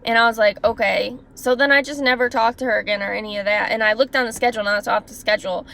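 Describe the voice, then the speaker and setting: A woman's voice: a little high, steady tone, fast talker, vocal fry, a bit bright, a little hiss or hum. Indignant young woman telling a story. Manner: passionate, indignant storytelling with many "like" fillers; acts out her boss and others in quoted voices. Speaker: vlogger. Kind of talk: story time vlog.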